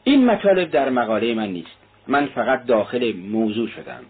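A man's voice: medium pitch, animated, husky. A man reading the part of a defiant young male student who argues in cutting lines. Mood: calm. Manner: argumentative, cutting. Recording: tinny narrow-band audio.

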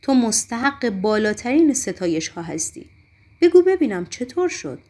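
A brooding middle-aged Roman governor, weary and commanding, asking his questions in a measured audiobook reading, as a woman reader gives his lines. The voice sits rather high. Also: very animated, a little mellow.

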